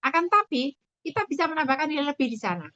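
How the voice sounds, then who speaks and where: A middle-aged woman giving a parenting talk to parents, lively and acting out parent and child lines. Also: high voice, fast, dry recording. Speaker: parenting speaker. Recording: dry, slightly dull sound.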